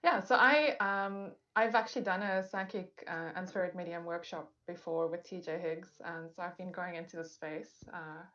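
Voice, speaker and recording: A woman's voice: lowish voice, moderate pace, hardly any pauses, a bit bright, no echo. Muffled woman caller, as through a wall. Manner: hesitant, with many fillers. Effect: muffled, as if heard through a wall. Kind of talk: call-in conversation. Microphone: headset on a call. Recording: muffled lo-fi call line.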